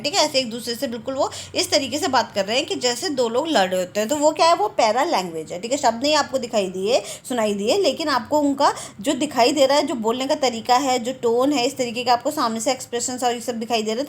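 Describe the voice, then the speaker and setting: A woman teaching an exam-prep lecture in a lively way, asking her own questions and answering them. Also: high voice.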